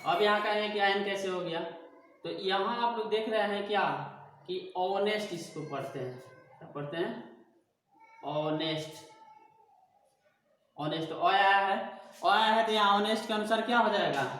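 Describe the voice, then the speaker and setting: Man, English grammar teacher, video lesson, drilling question-and-answer manner, high voice, strong room echo. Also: moderate pace, a bit bright. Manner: repeats his own questions and answers them, drilling points. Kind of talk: classroom-style video lesson. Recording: very echoey room.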